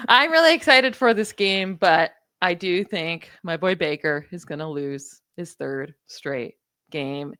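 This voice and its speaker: A woman with a New York accent co-hosts a casual sports chat, her voice sitting on the low side. She talks confidently and piles on stats. The sound is close and dry. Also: expressive, sharp tone, clear, resonant tone, no echo. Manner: stat-heavy, confident, quick asides. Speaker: podcast co-host.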